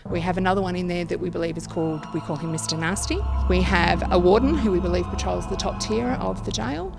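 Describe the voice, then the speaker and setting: A woman's voice: fairly low pitch, fast talker, vocal fry. An Australian woman working as a tour guide, giving informative interview answers about local history. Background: music.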